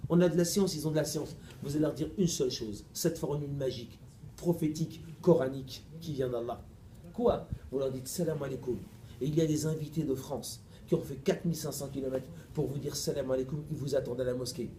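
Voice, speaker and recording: A middle-aged man preaching in a mosque, telling a story in a lively, playful way and acting out the dialogue. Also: mid-range voice, brisk, slight background noise. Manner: animated, playful, laughs often, acts out dialogue. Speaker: preacher giving a lecture. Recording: echoey room recording with faint ambience.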